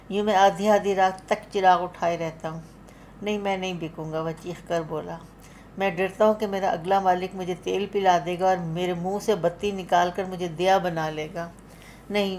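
A woman with a lower voice and a Pakistani Urdu accent reads a literary story aloud as an audiobook narrator. She tells it dramatically and rises in force when the characters cry out. A faint ambient hum sits under her voice. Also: a little mellow.

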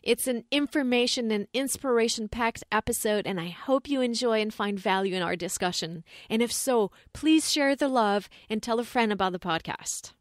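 A woman's voice: fairly high pitch, normal speed, hardly any pauses, dry recording. A woman hosting a podcast, enthusiastically reading a guest's introduction and asking questions. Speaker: podcast host. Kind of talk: podcast interview.

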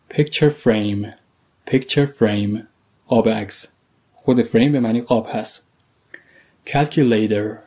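Low husky man teaching vocabulary. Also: dark tone. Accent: Persian. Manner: says each word slowly twice, then explains it. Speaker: English teacher. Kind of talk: vocabulary lesson, slow repeated words with translations.

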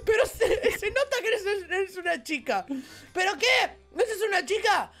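A woman with a Rioplatense Spanish accent hosting a Let's Play, with excitable, playful, exclamatory commentary. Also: extremely high pitch, normal speed. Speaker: gaming channel host.

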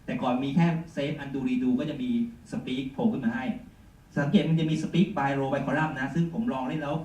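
A male teacher giving a chatty software demonstration lesson, full of polite particles. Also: mid-range voice, steady tone, normal speed. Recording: echoey room, mic far off, faint noise.

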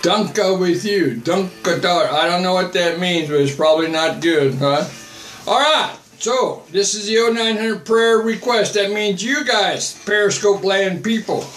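A man's voice: sits high, a little slow, a bit bright, reverberant, slight background noise. An older man, a missionary, hosting a home livestream, answering viewer comments in a blunt, repetitive way from a small home office. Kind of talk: livestream preaching and chat. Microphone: webcam at desk.

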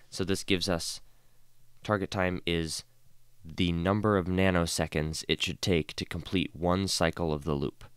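A tired man teaching a coding lesson, thinking aloud with many fillers and reading code out slowly. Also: low-pitched, smooth, no room sound. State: tired and yawning. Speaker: programming tutorial host. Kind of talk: casual screen-recorded coding lesson.

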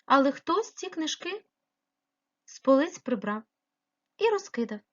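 A woman's voice: sits high, very animated, unhurried, fairly bright tone, dull audio. A woman teaching a primary school class remotely, explaining step by step and asking patient questions. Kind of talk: remote lesson narration.

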